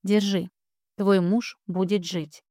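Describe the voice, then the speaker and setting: A woman voicing a young male hospital psychologist who speaks softly and calmly. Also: medium pitch, slow pace, no echo, clean studio sound. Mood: kind. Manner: soft, calm, kind.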